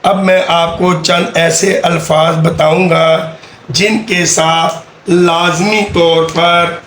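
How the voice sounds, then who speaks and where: Slow-paced teacher with a high, flat voice. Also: male voice. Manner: slow, patient, repeats key words. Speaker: English teacher. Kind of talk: explaining a grammar lesson. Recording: echoey room with faint background hum.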